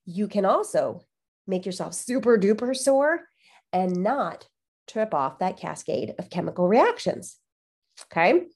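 A woman's voice: medium pitch, sing-song, a little slow, a little mellow. A woman hosting a solo podcast, explaining things conversationally and emphatically, with a nasal voice stuffed up by a cold. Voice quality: nasal, congested. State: has a cold. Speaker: podcast host.

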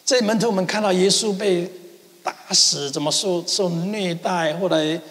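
A man's voice: sits high, moderate pace, fairly bright tone, big-room sound. A man preaching as a pastor in a church, telling stories with acted-out dialogue and sound effects. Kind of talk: sermon. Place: church sanctuary.

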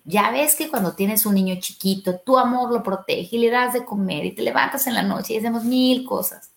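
A middle-aged woman, a family therapist explaining parenting advice on a podcast and acting out questions parents might ask. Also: fairly low pitch. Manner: explanatory, acts out parent and child questions in a raised voice.

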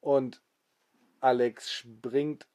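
A man's voice: medium pitch, fairly even intonation, very slow, a little mellow, no echo, studio quality. A man improvising a bedtime story for a child, with hesitations and sound effects.

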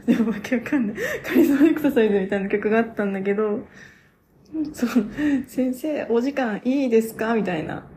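A young woman talking casually on her own radio show, reviewing a stage play as an excited, gushing fan who laughs often. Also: medium pitch, a little hiss or hum. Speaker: podcaster.

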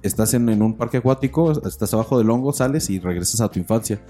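A man's voice: fairly low pitch, quick pace, warm tone, faint music behind. A man with a Mexican accent, telling crude stories in casual chat with friends. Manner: rambling, crude slang storytelling.

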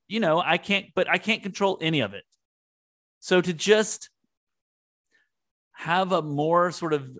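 A man's voice: mid-range voice, a bit bright. A man co-hosting a podcast, talking in an earnest, reflective way as he thinks aloud. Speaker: podcast co-host. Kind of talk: casual heartfelt conversation.

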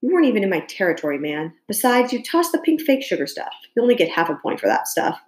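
A rowdy, joking boy from a storybook, loud and teasing as he trades jabs with his friends, as a woman reader puts him on. The voice rings in an echoey room. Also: mid-range voice, very animated, fast talker, natural voice.

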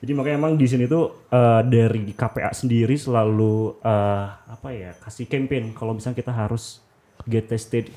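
A man's voice: mid-range voice, fairly even intonation, normal speed, mellow. A man explaining things as a podcast guest in an informal, hesitant way, searching for words as he goes. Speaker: podcast guest, youth health educator. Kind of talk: casual explanatory interview talk.

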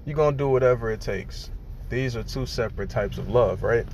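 A man's voice: medium pitch, fairly quick. A man in his late twenties talking candidly and at length in a casual personal podcast monologue, recorded in a car. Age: 20s. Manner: candid, rambling, conversational. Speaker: podcast host. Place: in a car during rain. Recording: rain and car noise behind.

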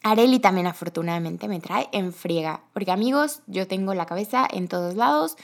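Young Mexican woman, chatty and animated host telling a story. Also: mid-range voice, vocal fry. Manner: chatty, animated, quick bursts with laughter. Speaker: podcast host. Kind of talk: casual storytelling monologue.

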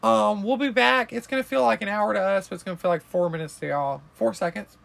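A woman's voice: medium pitch, fairly quick, vocal fry. A young woman, co-hosting a casual podcast chat, rambling and swearing freely. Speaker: podcast co-host.

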